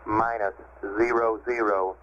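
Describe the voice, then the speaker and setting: Male American radio communicator, flat and procedural, on a hissy, band-limited two-way link. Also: on the low side, unhurried. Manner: talking over walkie-talkie style radio, procedural, digit-by-digit. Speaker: mission control capsule communicator. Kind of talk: radio transmission, reading data and call signs. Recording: muffled noisy vintage radio link, static.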